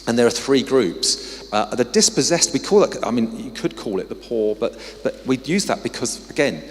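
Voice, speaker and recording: English guy giving a conference talk, lowish voice, keeps saying sorry it's depressing, big echoey hall. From England. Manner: conversational, with apologetic asides. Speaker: guest speaker, social mobility researcher. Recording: long reverb of a hall.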